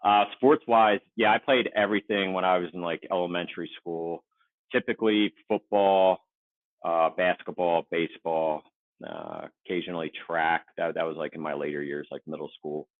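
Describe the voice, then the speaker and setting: A man in his forties from the Philadelphia suburbs, chatting casually as an interview guest in a relaxed, rambling, self-deprecating way over a remote call. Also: low voice, normal speed, no room sound. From Philadelphia suburbs, USA. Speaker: guest, Navy veteran. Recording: tinny phone-like dry line.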